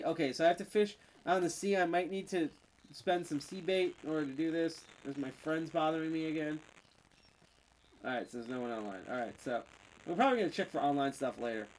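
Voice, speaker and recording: The streamer's medium-pitched voice is a little mellow here, with slight background noise on a low-quality recording. Casual and slightly tipsy, they ramble and joke while playing, often trailing off and restarting.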